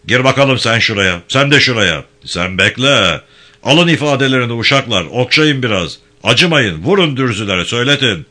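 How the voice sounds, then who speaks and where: A man voicing a harsh male Ottoman police chief who shouts orders and threats. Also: medium pitch, expressive, normal speed, voice pushed up. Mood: angry, commanding.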